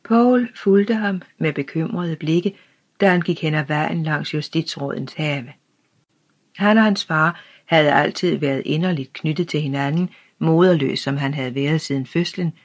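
A narrator reading a novel aloud in an even, unhurried storytelling manner. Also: mid-range voice. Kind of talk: scripted audiobook narration.

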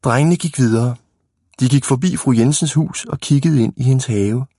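A man reading a children's book aloud in a calm, even storytelling manner. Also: medium pitch, breathy edge, dry recording, clean studio sound.

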